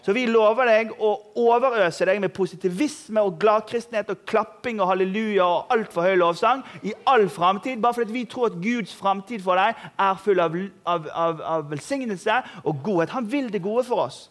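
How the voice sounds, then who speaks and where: Male pastor, energetic sermon delivery with humor and emphatic rises, slightly higher voice. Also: few pauses. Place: church hall.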